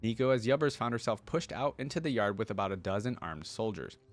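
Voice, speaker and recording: Hosting a reaction video, a man reads a story aloud with animated delivery, stopping now and then for casual comments. His voice is fairly low and his pace brisk.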